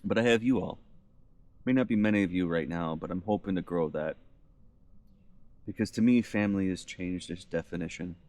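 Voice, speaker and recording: A man's voice: deep voice, normal speed, pauses often, a little mellow. A man vlogging from a forest campsite, speaking earnestly and with emotion, close to tears at times. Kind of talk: heartfelt vlog monologue.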